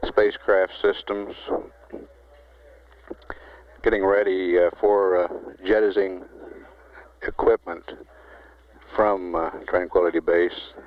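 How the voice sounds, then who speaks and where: A deep-voiced man gives official mission control status updates. His delivery is measured and halting, carried on a thin, phone-like 1960s broadcast line. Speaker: mission control public affairs announcer.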